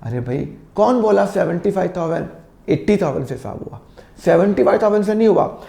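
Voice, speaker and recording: A man teaching accounting, with a slightly sore throat he keeps clearing, acting out both sides of made-up phone calls. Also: high voice, animated, a little fast, mellow. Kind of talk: classroom lesson with acted dialogues.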